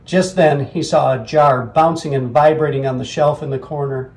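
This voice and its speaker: A man narrating a bedtime story for children in an animated, comic storytelling manner. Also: mid-range voice, moderate pace.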